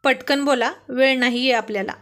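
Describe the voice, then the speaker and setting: A woman's voice: high voice, fairly even intonation, moderate pace, a bit bright. A woman voicing a stern, angry young male office boss who scolds in a raised voice.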